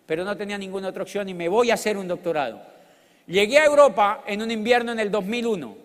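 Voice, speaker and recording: Middle-aged Colombian man, high-pitched, animated, joking motivational speaker in a reverberant hall. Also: fast talker. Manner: animated, joking, bursts into loud exclamations. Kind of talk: storytelling business talk.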